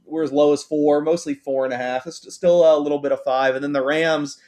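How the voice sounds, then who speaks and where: A man's voice: on the high side, fairly even intonation, brisk, a little mellow. A man talking sports betting on a talk show, hesitant, with many ums and repeated words.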